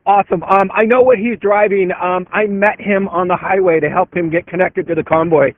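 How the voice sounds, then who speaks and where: A man talking trucker CB radio chatter, calling out handles on the channel in a relaxed, casual way over a radio transmission. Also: sits high, a little fast, no room sound. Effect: tinny CB radio transmission. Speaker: convoy participant on the radio channel. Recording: tinny narrow-band radio, dry.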